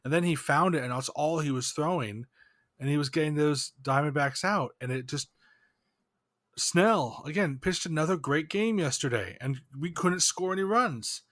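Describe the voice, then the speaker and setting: A man's voice: a little high, expressive, normal speed, a bit bright, no echo, clean studio sound. A man co-hosting a casual podcast, venting with sighs, restarts and trailing thoughts. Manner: exasperated, rambling with restarts and sighs. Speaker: podcast co-host. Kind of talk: casual chat.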